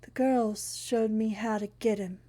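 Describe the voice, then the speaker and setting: A woman voicing an unhinged sorceress mother with a dry, papery, breathy voice, speaking slowly and eerily. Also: medium pitch, steady tone, mellow, lightly acted. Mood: menacing. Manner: slow, drawn-out, eerie. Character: unhinged sorceress mother, menacing and half-mad.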